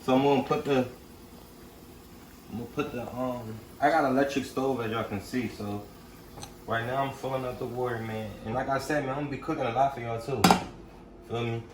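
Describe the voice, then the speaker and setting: A man's voice: medium pitch, fairly even intonation, a little fast, pauses often, roomy sound, far from the mic, background noise. A young man chatting casually in his home kitchen as he cooks for his family, laid-back and slangy, often asking "you feel me?". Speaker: vlogger cooking for his family. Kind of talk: casual cooking vlog chat.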